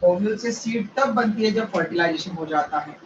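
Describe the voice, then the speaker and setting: A man's voice: sits high, fairly quick, slight background noise. A male biology teacher giving a classroom lecture, explaining step by step, checking in with "ok?" and mixing English terms into his talk. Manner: mixes Hindi with English terms. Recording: roomy, distant, dull sound.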